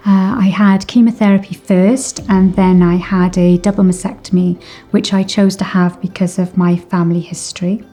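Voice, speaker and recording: A woman's voice: lowish voice, level tone, normal speed, few pauses, dark tone. A woman in her forties chatting about her own experience as a patient, hesitant, with fillers. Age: 40s. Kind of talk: casual chat.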